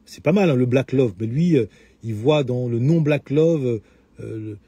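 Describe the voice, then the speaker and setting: Speaking a little slowly in a warm, husky, medium-pitched voice, a middle-aged man fields questions as host of a live talk. His long, unscripted lecture is full of pauses and false starts, with no echo in the recording.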